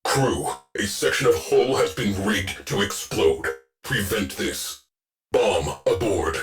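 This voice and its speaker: Cephalon Cy, a deep, deadpan ship AI. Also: male voice, slow pace, soft background music. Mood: stern, contemptuous. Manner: deadpan, clipped, dry military delivery. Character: gruff, sardonic male shipboard AI officer, coolly commanding. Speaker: ship's AI crew officer. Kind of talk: scripted video game voice lines.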